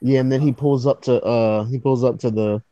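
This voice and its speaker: A man's voice: medium pitch, fairly even intonation, brisk, mellow. A man in casual chat, insistent and pushing to take his turn. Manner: insistent, talks over others. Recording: dry, muffled lo-fi audio.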